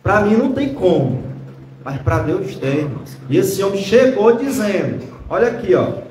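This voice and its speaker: A man's voice: sits high, very animated, moderate pace, a little mellow, echoey room, a little hiss or hum, low-quality recording. A man preaching a sermon as pastor, often calling his listeners brothers.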